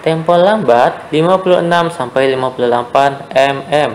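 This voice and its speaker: A man's voice: a little high, moderate pace, slight background noise, rough recording. A young man teaching a primary-school music lesson, explaining patiently step by step. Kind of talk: online class lesson for children.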